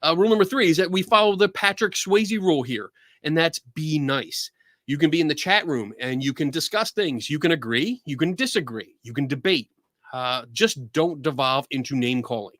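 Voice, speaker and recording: An excitable man with a Philadelphia accent chats casually as host of a live show. His voice sits on the high side and swings widely in pitch. It has a bright, forceful ring. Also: moderate pace, dry recording, clean studio sound. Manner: excitable, laughs often, cheers. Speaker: podcast host. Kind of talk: casual livestream chat.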